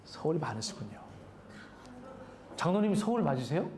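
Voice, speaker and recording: A man's voice: a little high, sing-song, moderate pace, a little mellow, slight background noise. A male pastor preaching a sermon in a conversational way, asking the congregation questions. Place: church sanctuary.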